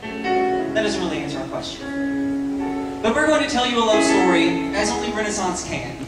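A man's voice: high-pitched, expressive, moderate pace. A young man from a vocal group giving a scripted, theatrical stage introduction. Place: church sanctuary. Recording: echoey church, distant mic, loud music behind.

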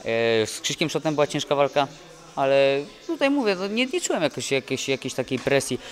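A young male boxer, fresh from his bout, speaks expressively yet dejectedly in a halting post-fight interview, often trailing off, restarting, and correcting himself at a mid-range male pitch. It's captured on the interviewer's handheld mic before a sponsor wall at an indoor event.

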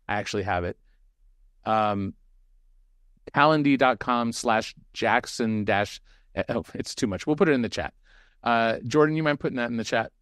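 A man's voice: medium pitch, fairly bright tone, smooth, no echo, studio quality. A man co-hosting a webinar, reading out audience questions and chatting loosely, with lots of fillers and restarts. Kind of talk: casual webinar chat.

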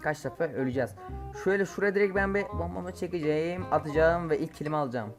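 A man giving live gameplay commentary as a mobile game streamer, excitable and quick to curse and shout at his teammates. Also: a little high, over music. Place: home, playing on an emulator.

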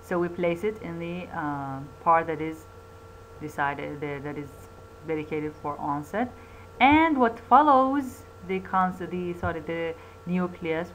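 A woman with an Iraqi Arabic accent lecturing on phonetics. She mixes Arabic and English, repeats key terms and corrects herself as she goes, speaking English slowly and Arabic quickly. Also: fairly low pitch, a bit bright, slight background noise, low-quality recording. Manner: slow, deliberate English; quick Arabic asides. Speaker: university lecturer.

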